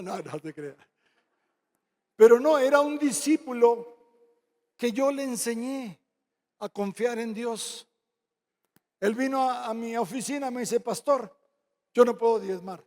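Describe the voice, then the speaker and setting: A high-pitched man preaching with a Mexican Spanish accent. He tells stories in a lively way, acting out both sides of a conversation and tossing in quick asides. His voice rings with long reverb through a church sanctuary. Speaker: pastor. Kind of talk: sermon with storytelling.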